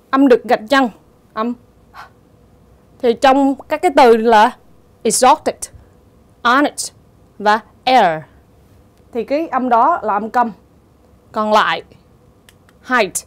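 Woman teacher, slightly high voice, walks thru exam answers one by one, calm and methodical. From Vietnam. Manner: methodical, spells out each answer step by step. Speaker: English teacher. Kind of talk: exam answer walkthrough lesson.

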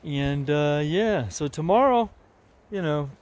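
A man's voice: fairly high pitch, lively intonation, takes it slowly, a little mellow. A man vlogging casually on a forest trail, rambling with many fillers. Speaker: thru-hiker vlogger.

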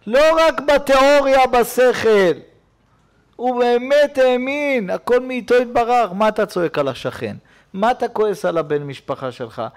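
Animated preaching rabbi, high voice. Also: male voice. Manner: animated storytelling preacher, swings between loud and hushed. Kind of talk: sermon. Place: synagogue.

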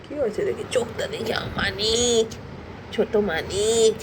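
A woman's voice: on the high side, a little slow. A woman filming a casual home vlog, coaxing her pet dog in affectionate baby talk. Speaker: dog owner. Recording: traffic noise behind.

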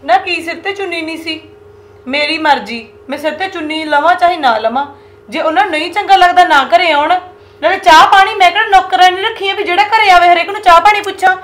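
Defiant young daughter-in-law, played by a woman, Punjabi accent, quick and very high-pitched. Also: fairly bright tone. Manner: defiant, retorting.

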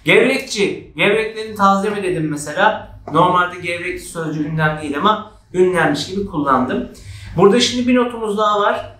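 Male teacher, lively, slightly high voice, echoey classroom sound. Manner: lively, acts out example shouts with raised pitch. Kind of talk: exam-prep grammar lesson. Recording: echoey room.

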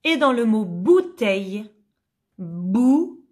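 A woman teacher giving a slow phonics lesson to young children, carefully sounding out and repeating each word. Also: a little high, animated.

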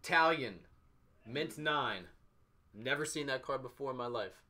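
A man's voice: medium pitch, normal speed, bright, forceful tone. A man in his thirties hosting an unboxing, announcing each item in short, clipped phrases. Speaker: host of a sports card box-break show. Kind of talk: unboxing commentary, calling out items. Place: small office, indoors.

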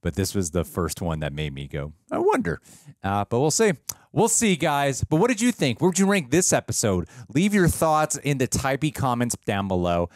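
A man's voice: mid-range voice, huge pitch swings, normal speed, no room sound, clean studio sound. A young man co-hosting a reaction show, casually chatting with crude jokes and laughter. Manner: joking, crude banter with laughter. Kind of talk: casual chat.

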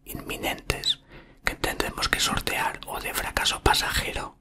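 A man in his thirties reads from a book in a breathy ASMR whisper, murmuring haltingly very close to the microphone. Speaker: ASMR content creator. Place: small room indoors. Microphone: desktop condenser microphone, very close.

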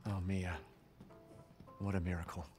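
An actor playing a gentle young father in a video game cutscene, speaking softly and hushed. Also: low-pitched, little pitch movement, a little slow. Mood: tender. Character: gentle young father, soft-spoken family man. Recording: game audio under loud music.

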